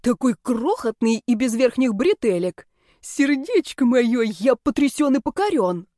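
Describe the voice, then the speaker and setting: A woman doing a big, cheeky male snake-man from a storybook, raised high and sing-song in a gushing, theatrical way. His timbre is odd and put-on, with squealing outbursts, in a dry, close recording. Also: sing-song, unhurried, warm tone, no room sound.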